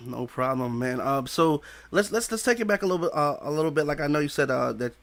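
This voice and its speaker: A man's voice: a little high, animated, fast talker, a bit bright. A man in his thirties hosting a podcast interview on a headset mic, asking loose, rambling questions full of slang. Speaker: podcast host. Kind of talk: casual interview. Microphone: headset with studio mic.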